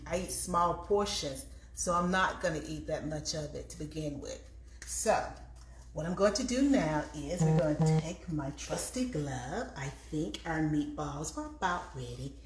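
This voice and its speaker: Low-voiced woman chatting in an echoey kitchen. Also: lively intonation, moderate pace. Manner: chatty, rambling, thinking aloud. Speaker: home cooking livestream host. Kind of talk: casual cooking livestream chat to viewers. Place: indoors in a home kitchen. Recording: roomy echo, faint background noise.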